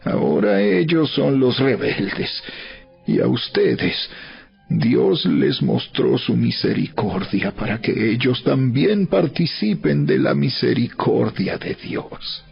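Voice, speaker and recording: A man giving a dramatized Bible narration as solemn, emphatic oratory with deliberate dramatic pauses. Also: mid-range voice, vocal fry. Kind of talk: dramatized scripture narration, preaching a letter aloud. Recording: dull recording with music behind. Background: background music.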